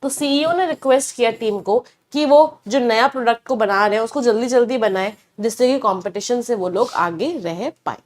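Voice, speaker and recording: A young woman runs an online vocabulary lesson, slipping between Hindi and English. Her voice sits fairly high, and she keeps the class moving by asking questions and answering them herself. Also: normal speed, few pauses. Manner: explains words in Hindi mixed with English, asks rhetorical questions.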